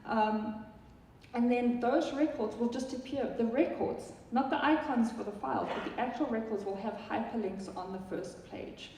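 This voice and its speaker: With a mellow voice on the high side at a normal speed, a woman from South Africa gives a chatty live software product talk in her South African accent, stumbling into ums and restarts. She's recorded from a distance in an echoey hall, with slight background noise.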